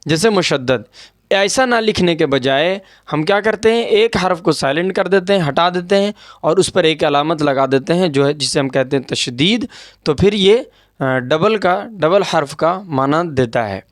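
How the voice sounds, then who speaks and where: A man's voice: on the high side, lively intonation, dry recording, studio quality. A man teaching an Urdu grammar lesson at a board, patient and repetitive, often checking that his students follow. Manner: patient, repeats points, checks understanding with asides.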